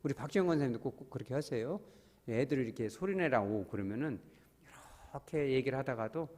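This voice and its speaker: Animated pastor preaching in a reverberant church. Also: male voice, medium pitch, quick pace. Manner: animated, acts out little quoted dialogues; calls on the congregation directly. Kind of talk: sermon. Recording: long church-hall reverb.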